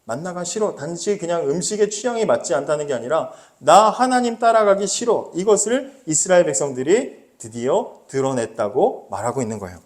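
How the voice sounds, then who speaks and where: A male pastor preaching a sermon, telling the story in an animated way with chuckles and questions to the congregation. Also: on the high side, fairly quick, hardly any pauses.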